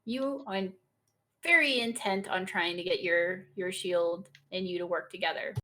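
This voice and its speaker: Unhurried woman game master. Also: on the low side, sharp tone. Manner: unhurried, encouraging, playful narration. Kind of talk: narrating a tabletop game.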